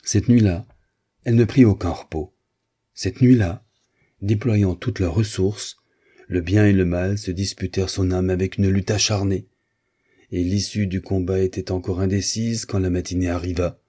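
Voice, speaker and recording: A man reading a novel aloud in a measured, steady way. His voice is very low and dark, with a husky, slightly rough grain. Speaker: audiobook narrator. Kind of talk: scripted narration.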